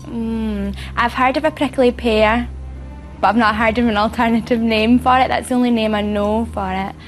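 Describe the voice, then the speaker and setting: A woman's voice: on the high side, steady tone, moderate pace, soft background music. Young woman thinking aloud. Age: 20s. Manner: reasons aloud, thoughtful with fillers. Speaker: quiz contestant. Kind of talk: game show answers and chat.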